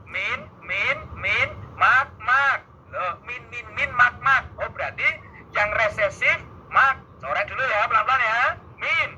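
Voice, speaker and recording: A high, very bright man's voice, coaching students through exam math in a playful, teasing tone. The sound is slightly muffled, with a faint hiss underneath. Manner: playful, teasing, quick back-and-forth with students. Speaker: math tutor. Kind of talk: energetic exam-prep lesson.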